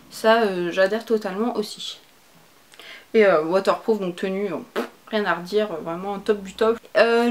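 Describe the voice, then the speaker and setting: A young woman chatting casually through a make-up favorites review, full of fillers and casual slang. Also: mid-range voice. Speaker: beauty vlogger.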